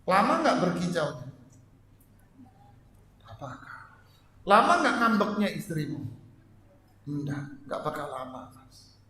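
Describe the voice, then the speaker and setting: A male religious teacher giving a joking, lively marriage lecture to an audience. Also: a little high, slow, pauses often. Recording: echoey hall, faint ambience.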